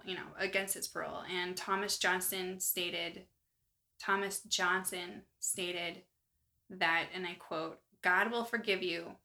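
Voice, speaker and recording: A woman co-hosting a true-crime podcast, talking in a chatty, animated way with lots of asides. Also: mid-range voice, vocal fry. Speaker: podcast co-host. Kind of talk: casual true-crime chat.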